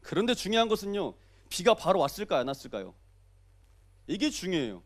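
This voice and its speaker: A man's voice: sits high, very animated, fairly quick. A young male pastor preaching an early-morning sermon, joking and asking the congregation questions as he goes.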